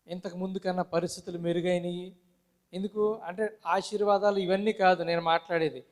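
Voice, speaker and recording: A male pastor preaching a sermon, asking the congregation questions and calling for amens. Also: sits high. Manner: call-and-response, asks congregation questions and amens; mixes English words into Telugu preaching.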